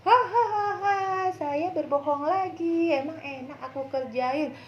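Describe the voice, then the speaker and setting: A woman voicing a mischievous young shepherd boy, shouting shrilly and laughing teasingly in a storybook tale for children. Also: very high voice, takes it slowly, dull audio, pitched above the performer's own voice, heavily acted.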